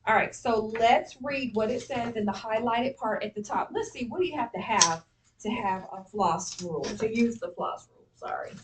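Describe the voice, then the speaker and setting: A woman's voice: on the high side, moderate pace. A woman teacher leading a classroom spelling lesson, prompting with questions and saying "okay" and "all right" often. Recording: distant classroom recording with faint noise.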